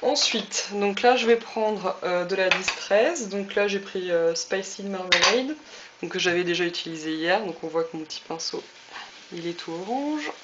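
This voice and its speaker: A woman's voice: fairly low pitch, normal speed, heavy background noise. Woman, casual craft demo host, chatty and filler-heavy, muffled lo-fi sound, clattering dishes behind. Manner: chatty, many fillers and little "hop" cues. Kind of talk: casual demonstration.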